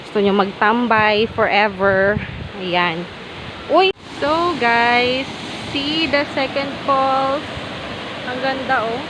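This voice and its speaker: Slow-talking chatty Filipina vlogger outdoors. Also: female voice, a little high. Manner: chatty, exclaiming, laughing often. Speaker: travel vlogger. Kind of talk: casual travel vlog narration. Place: outdoors at waterfalls, walking. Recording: loud rushing waterfall noise outdoors.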